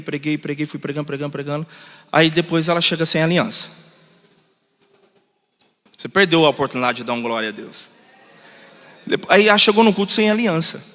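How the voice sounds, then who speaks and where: Male pastor, animated sermon storytelling, sharp tone, long church-hall echo. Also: a little high. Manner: animated storytelling, addresses the congregation. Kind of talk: sermon testimony.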